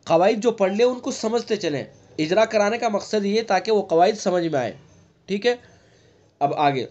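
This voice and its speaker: A man teaching Quran recitation rules in an online class, slowly modeling words and checking that students follow. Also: sits high, expressive, a little mellow, muffled recording. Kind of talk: tajweed lesson with recited examples. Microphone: online class recording.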